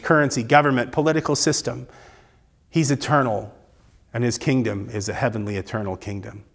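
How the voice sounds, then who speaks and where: Casting: man, 30s, pastor, earnest recorded sermon, middle-pitched voice, lapel mic. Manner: earnest, gestures with both hands. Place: small church stage with drum kit and Christmas decor, indoors.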